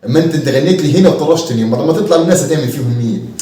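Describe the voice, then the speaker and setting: A man's voice: a little high, expressive, very fast, dark tone, lightly acted. A man playing a grumpy scolding father. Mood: mocking. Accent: Egyptian Arabic. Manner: scolding, insulting, sarcastic. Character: grumpy father, throws slippers, scornful. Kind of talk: homemade comedy sketch acting. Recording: echoey room, far from the mic, faint hiss.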